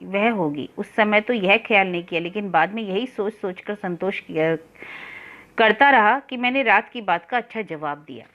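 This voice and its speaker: Brief: female narrator, calm even-paced reading of a novel for a study channel. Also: mid-range voice, normal speed, lo-fi sound. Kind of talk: reading a Hindi novel aloud for students.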